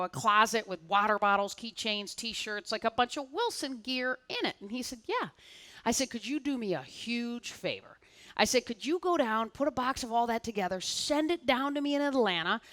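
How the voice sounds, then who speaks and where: Bright-voiced woman telling a story on stage. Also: on the high side. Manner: animated, acts out both sides of dialogue. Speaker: keynote speaker. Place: conference stage before an audience.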